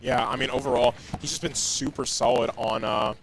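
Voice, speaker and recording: A young man doing excitable, casual color commentary on an esports match, saying "bro" a lot and laughing often. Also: mid-range voice, fairly quick, gravelly, faint music behind.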